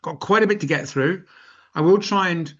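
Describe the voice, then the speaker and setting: An older man with a West Country accent and a fairly high-set voice presents informally as a guest lecturer. He rambles in a chatty, self-deprecating way, and the sound is a little dull, like an online call. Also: moderate pace. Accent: West Country English. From Plymouth, southwest England.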